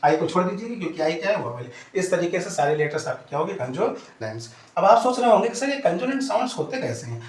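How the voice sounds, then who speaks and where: This is a man giving an English lesson in an echoey room. His voice sits high. He fires questions at the class, answers them himself, and keeps repeating the key points. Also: sing-song, fast talker, few pauses. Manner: addresses students fondly. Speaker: English teacher.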